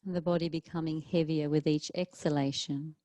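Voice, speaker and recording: A woman's low, mellow, soft-edged voice guides a relaxation class, as she is a yoga teacher. She gives gentle instructions in a calm, soothing way with long pauses in between. The recording is dry, very close, and has no room around it.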